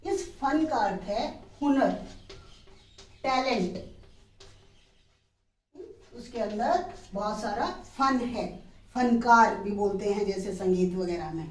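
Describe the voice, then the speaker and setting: A middle-aged woman teaching a grammar lesson, slowly sounding out word pairs and checking that students follow. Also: mid-range voice, recorded from a distance. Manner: slow, drawn-out word-by-word pronunciation drills; checks in with students, asking "clear?". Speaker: Hindi teacher. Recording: echoey room, voice away from the mic.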